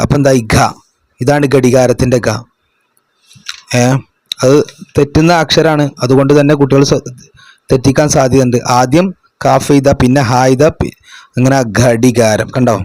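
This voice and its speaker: A man's voice: mid-range voice, darkish tone, no echo. Patient man explaining exam answers. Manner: patient, step-by-step, asks and answers his own questions. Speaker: madrasa teacher.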